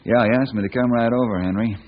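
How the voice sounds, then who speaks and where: An American actor playing a kindly, principled forest ranger in old-time radio drama style, with an earnest, folksy, friendly manner. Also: male voice, on the low side, steady tone, fast talker, natural voice. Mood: concerned, direct. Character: kindly, principled male forest ranger, plain-spoken and steady. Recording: muffled, noisy old radio recording.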